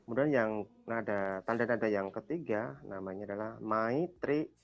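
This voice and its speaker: A man's voice: lowish voice, normal speed, lo-fi sound. A man teaching a language class over a video call, quizzing students and patiently repeating their answers. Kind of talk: online class lesson.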